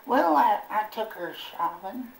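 A man's voice: sits high, lively intonation, measured pace, creaky, full character voice. A ventriloquist man voicing a bumbling, folksy old male bird puppet who rambles in country talk. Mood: rambling. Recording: roomy echo, from far off.

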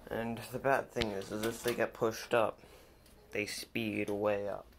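A man narrating a casual vlog in a monotone with little word stress, recorded outdoors on a handheld device. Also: on the low side, unhurried, gravelly. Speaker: vlog host. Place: outdoors in a yard. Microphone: handheld camera or phone mic. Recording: loud outdoor engine noise, clicks, handheld.

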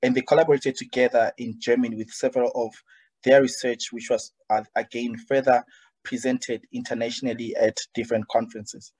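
A young man hosting a webinar over a video call, reading a guest's bio with frequent ums and pauses. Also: medium pitch, level tone, darkish tone, breathy edge, low-quality recording. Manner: hesitant, many ums. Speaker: webinar host. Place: indoor room, padded wall behind. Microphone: video call webcam.

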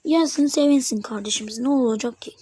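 A woman giving live gameplay commentary on her channel, excitable and teasing, talking back at the game as she plays. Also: fairly high pitch, quick pace, slightly rough. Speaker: gaming channel host.

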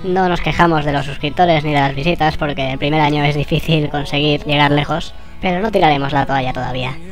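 Sped up like a fast-forwarded tape into a squirrel-like voice, a channel host with a Spain Spanish accent delivers a sarcastic anniversary monologue full of swearing. The voice is medium-pitched with a steady tone, and faint music plays behind.

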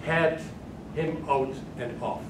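Answering questions at his conference keynote, an older man from Germany talks slowly in a slightly high voice, hesitating with frequent restarts and fillers. A faraway room camera in the large carpeted room captured echoey, noisy audio.

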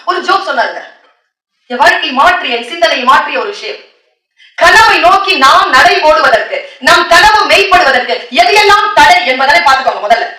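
A woman delivering a motivational talk in a lively storytelling manner, her voice high and bright. She slips English words into her speech. The sound is roomy and distant, caught from across a hall. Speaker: motivational speaker. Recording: echoey hall, distant mic.

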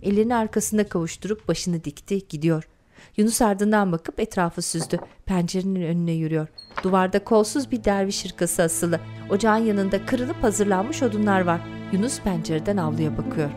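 A woman's voice: mid-range voice, normal speed, a little mellow. A woman giving scripted audio description narration of the action in a drama. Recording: drama music behind narration.

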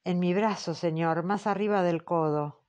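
Timid young female witness, soft and hesitant; voiced by a woman audiobook reader. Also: on the low side, normal speed, natural voice. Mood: fearful. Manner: hesitant, soft, answers briefly. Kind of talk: audiobook character reading.

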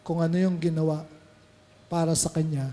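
A man's voice: a little high, little pitch movement, normal speed, dark tone, in a large hall. A male pastor with a Filipino accent preaching a sermon, switching between Tagalog and English and asking the congregation questions. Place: church sanctuary.

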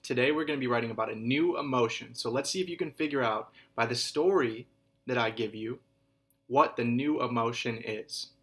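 A man teaching kindergarten and first grade in a recorded video lesson. He repeats each point slowly and clearly for young children, calling them scholars, and gives example sentences a lively, sing-song emphasis. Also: medium pitch.

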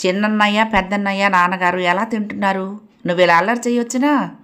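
A woman's voice: medium pitch, fairly even intonation, fast, a bit bright, close to an everyday voice. A woman reading the lines of an irritated mother who scolds her lazy son awake. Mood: reproachful. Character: stern scolding middle-aged mother.

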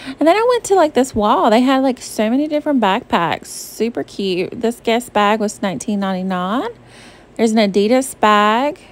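A young adult shopping vlogger from the US South narrates in an expressive voice on the high side at normal speed. Bubbly and casual, she fills her talk with "um" and "like." The voice-over was recorded separately from the store pictured, over faint background music.

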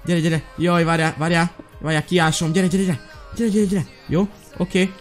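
A young man giving lively, excitable commentary over his own gameplay, his voice leaping into high yelps when he panics. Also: faint music behind. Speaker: gaming YouTuber.

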